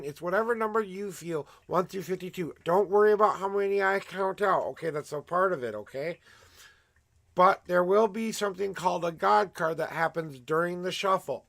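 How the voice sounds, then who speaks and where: A man with a gravelly smoker's rasp, hosting a livestream as a tarot reader in casual, emphatic, effusive patter to viewers. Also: high-pitched, a bit bright. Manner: effusive, emphatic showman, repeating welcomes and promises.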